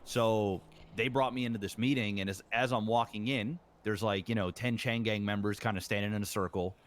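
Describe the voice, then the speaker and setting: A man's voice: on the low side, fairly even intonation, a little fast. A man in character in a roleplay game, telling a long story with lots of ums and uhs and acting out what others said. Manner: rambling retelling, full of ums and uhs, acts out quoted lines. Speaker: roleplay gang member.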